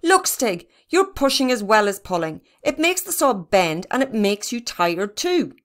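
A woman voicing an eager, bossy young boy who gives excited instructions. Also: measured pace. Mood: instructing. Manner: high, excited exclamations.

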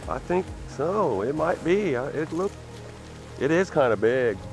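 A man with a Southern US accent, talking excitedly to viewers while fishing from a creek bank, recorded on a head-mounted camera. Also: a little high, measured pace, creaky, faint music behind. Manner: excitable, exclaiming over catches, talking to viewers. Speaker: fishing vlogger. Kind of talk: casual outdoor commentary while fishing.

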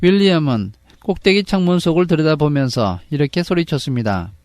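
A male reading teacher on a close, dry mic. He reads each English line very slowly, with lively, slightly high intonation. Then he translates it into Korean. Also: dry recording. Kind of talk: read-along lesson with translation.

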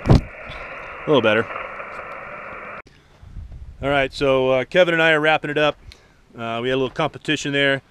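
A man's voice: medium pitch, moderate pace, long pauses, fairly bright tone, slight background noise, low-quality recording. A man hosting an outdoor vlog and making ham radio calls, casual and slangy, recorded on an action camera. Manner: laid-back, slangy. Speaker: vlog host and amateur radio operator. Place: outdoors on a snowy mountain peak.

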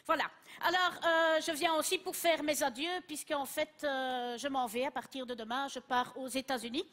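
A woman's voice: high voice, fairly even intonation, normal speed, a bit bright. A woman playing a chatty, self-assured Belgian cleaning lady with a Belgian accent, rambling in a stand-up sketch on a TV stage. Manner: rambling, confidently wrong. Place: TV studio stage.

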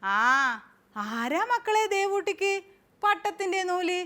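Sing-song high-voiced woman teacher. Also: big pitch swings, slow pace, a bit bright. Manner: sing-song, coaxing, asks the children questions. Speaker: kindergarten teacher. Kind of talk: storytelling lesson for small children.

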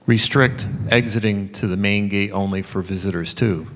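A man, a board member, asking questions in a public meeting with halting restarts. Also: lowish voice. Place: large meeting room. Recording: long reverb, faint ambient noise.

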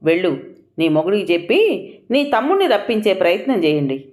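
A woman's voice: lowish voice, big pitch swings, brisk, a little mellow. A woman voicing a firm middle-aged woman doctor who explains plainly and sternly.

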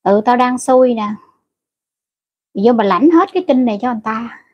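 A woman's voice: fairly high pitch, animated, brisk, lo-fi sound. A middle-aged woman hosting a casual livestream. She reads out viewer comments and scolds rude commenters bluntly and crudely. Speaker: livestream host.

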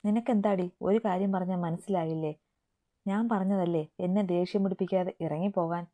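A woman's voice: on the low side, fairly even intonation, brisk, warm tone, close to an everyday voice. A woman reading as a hot-tempered stern young man. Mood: angry. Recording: tinny phone-like sound.

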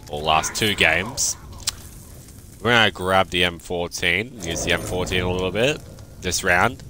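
A man's voice: deep voice, sharp tone, a little hiss or hum. A young man, chatting and rambling freely through casual gameplay commentary, swearing now and then. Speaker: gaming youtuber.

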